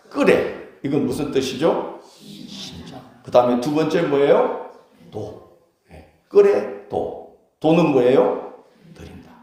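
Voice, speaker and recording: A man with a Gyeongsang accent delivers a Sunday sermon, often turning to the congregation with questions. His voice is mellow and warm, and his pitch moves a lot. The sound rings heavily around a large church sanctuary. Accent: Gyeongsang Korean. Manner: conversational preaching with questions to the congregation. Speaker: pastor. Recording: very echoey church hall.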